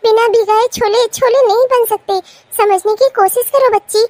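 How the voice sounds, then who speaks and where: A young daughter-in-law in a cartoon who teases and coaxes, as a woman puts her on. The voice is very high and sits close and dry on the mic. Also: fairly even intonation, moderate pace, no room sound. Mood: teasing. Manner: gently mocking, coaxing. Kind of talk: cartoon voice acting.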